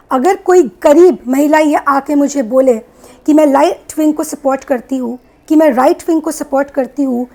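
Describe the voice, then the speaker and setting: A young woman giving an earnest, measured opinion monologue as a vlogger, mixing English words into her talk. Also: sits high, darkish tone, rough recording.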